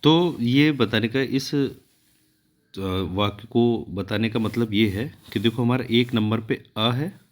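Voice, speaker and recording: Speaking at medium pitch and a slow pace, a male shorthand teacher walks his students through a tutorial one step at a time. He counts each stroke aloud as he draws and keeps patiently asking "ठीक है" to confirm they understand.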